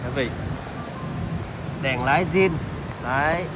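A man with a southern Vietnamese accent giving an improvised used car salesman's walkaround pitch, repeatedly reassuring the viewers he addresses. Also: slow. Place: outdoor car lot and inside a car. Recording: clear outdoor car lot ambient noise.

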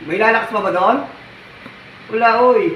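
A man's voice: high-pitched, moderate pace, fairly bright tone. A man working as a folk healer, giving repetitive, scolding commands during a healing ritual. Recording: echoey, distant, noisy ambience.

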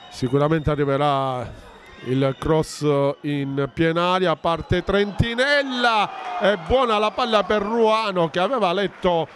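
A man giving breathless, urgent football commentary from a noisy outdoor stadium. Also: sits high. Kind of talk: excited Italian football highlights commentary. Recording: noisy open-air stadium ambience.

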